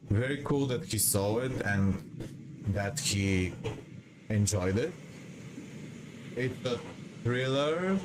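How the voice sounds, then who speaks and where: A man chats casually on a live game stream, drifting from thought to thought with a hesitant, rambling delivery. His voice sits a bit low and moves slowly. A clear air conditioner hum runs beneath him. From Bulgaria. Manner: hesitant and rambling, reading chat aloud. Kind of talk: casual live-stream chat while gaming.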